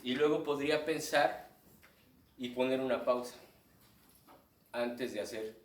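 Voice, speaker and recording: A man's voice: mid-range voice, unhurried. A man with a Mexican accent, a clown presenting his book, explaining stage timing to a live audience and acting out what they think. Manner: explanatory, acts out audience thoughts in asides. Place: live event room with audience. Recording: echoey room, distant mic.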